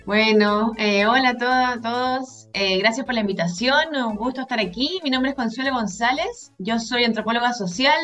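A woman's voice: fairly high pitch, moderate pace, few pauses, a bit bright, soft background music. A woman from southern Chile, a guest anthropologist, answering questions hesitantly with many fillers. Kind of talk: casual interview.

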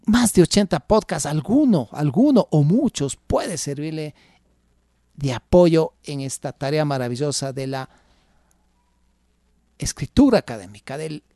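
Radio writing-lesson host, dictates punctuation aloud, repeats examples, animated intonation, dry close sound. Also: unhurried, vocal fry, pauses often, no echo. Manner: lively, varied pitch with frequent "ajá" asides. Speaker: host of an academic writing program.

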